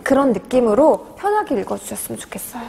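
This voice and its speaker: A woman's voice: fairly high pitch, sing-song, quick pace, vocal fry, mellow, faint music behind. Earnest woman in her forties, echoey room. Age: 40s. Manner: earnest, hesitant with many fillers. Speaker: author being interviewed. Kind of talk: reflective interview answers.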